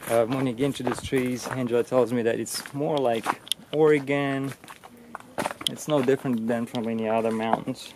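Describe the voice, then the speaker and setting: A vlogger in his thirties talks casually to a handheld camera held at arm's length while hiking a mountain trail outdoors, making a travel vlog. His voice is medium-pitched and steady at normal speed. Loud outdoor noise fills the camera mic.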